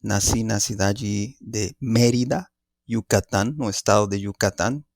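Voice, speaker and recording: A man in his forties with a Mexican Spanish accent answers interview questions slowly and deliberately, searching for his words. His voice has a gravelly fry. The sound is dry and close. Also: on the low side, no echo. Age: 40s. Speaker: guest professor.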